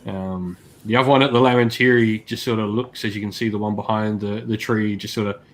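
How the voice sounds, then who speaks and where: Low-voiced man narrating as game master. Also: steady tone, a little fast. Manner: hesitant, filler-heavy description.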